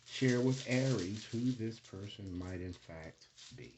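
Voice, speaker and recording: A man hosts a casual tarot reading, improvising straight to the viewer and frequently checking in with quick tag questions. His voice is on the low side, expressive and a little mellow, moving at a measured pace. The recording is low quality, with slight background noise.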